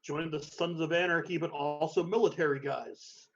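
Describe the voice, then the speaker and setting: A man's voice: a little high, fairly even intonation, normal speed, slight background noise. A man co-hosting a podcast in casual chat who laughs often, swears freely and announces the next match. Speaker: podcast co-host. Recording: dull lo-fi recording.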